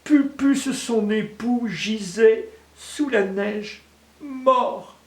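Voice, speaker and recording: A male storyteller voicing a grieving female flea who wails her lament in a shrill, high voice. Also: very slow. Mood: wailing. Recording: roomy echo, mic far off.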